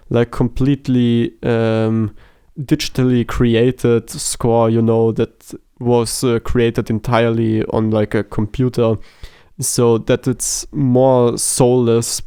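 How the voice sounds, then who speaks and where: A man with a smooth, clear voice talks slowly and casually about a film, pausing often on fillers and slipping in jokes. His first language is German. The sound is close and dry, with no room around it. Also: mid-range voice, little pitch movement, dark tone, dry recording. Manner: hesitant, jokey, many fillers. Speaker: podcast co-host.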